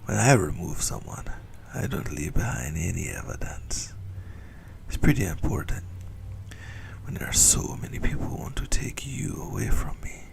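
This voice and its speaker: In a whispered ASMR roleplay, a man plays a possessive vampire lover centuries old, smugly menacing and intimate, with a breathy, gravelly delivery. His voice sits low with big pitch swings at normal speed, a full character voice that sounds possessive and boastful.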